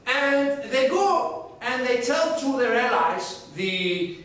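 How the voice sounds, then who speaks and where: A male university lecturer giving a lively, joking class lecture and quizzing the students, recorded in a classroom from a distant camera. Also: very high-pitched, slow. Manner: lively, jokey, asks the class questions. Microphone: far camera. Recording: echoey classroom from a far camera.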